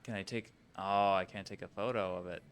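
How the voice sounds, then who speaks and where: A man's voice: low-pitched, fairly even intonation, brisk, slight background noise. A man giving casual let's-play commentary, muttering wry reactions as he plays a video game.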